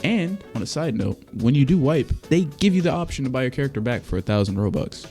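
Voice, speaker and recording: A man's voice: medium pitch, big pitch swings, quick pace, mellow. A man giving an opinionated video game review, blunt and critical, in casual slangy speech. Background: music behind the voice.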